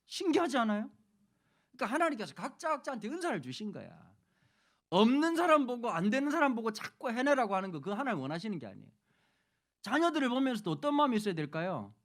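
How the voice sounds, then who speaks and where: A middle-aged pastor from Busan, South Korea, gives a humorous sermon lecture in an extremely high-pitched, fast voice. He is lively and jokey, cracking jokes and putting questions to the audience.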